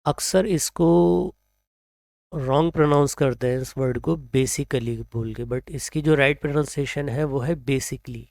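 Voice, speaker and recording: A man with an Indian accent teaching English pronunciation, reading example sentences slowly and then explaining them. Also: a little high, dry recording, studio quality. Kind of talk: slow explanatory lesson, mixing Hindi and English.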